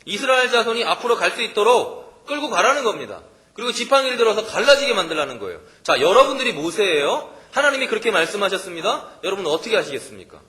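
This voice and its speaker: Male pastor preaching, high voice, very lively, asks many questions, chuckles often. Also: fast talker, few pauses. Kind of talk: sermon. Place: church service.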